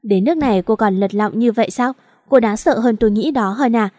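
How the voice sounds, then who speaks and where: A woman's voice: a little high, brisk, warm tone, no room sound, clean studio sound, lightly acted. A woman voicing a heartbroken young husband who speaks bitterly and accusingly, choked with regret. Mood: furious.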